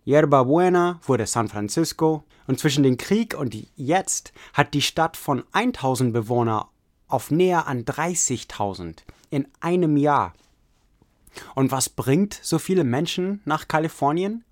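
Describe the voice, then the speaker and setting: A man's voice: a little high, darkish tone. Man narrating history to "you". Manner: earnest storytelling, addresses listener as you. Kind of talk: second-person history narration.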